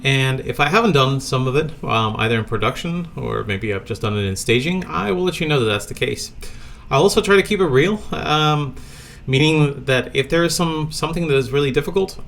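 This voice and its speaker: A man's voice: medium pitch, gravelly, fairly bright tone, a little hiss or hum. A man from Latvia presenting a recorded conference talk from a home office, speaking casually with many fillers.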